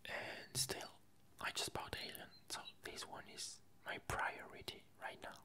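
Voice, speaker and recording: Self-corrections pepper this casual ASMR chat, delivered in a breathy, voiceless whisper that halts and rambles. The tone is sharp.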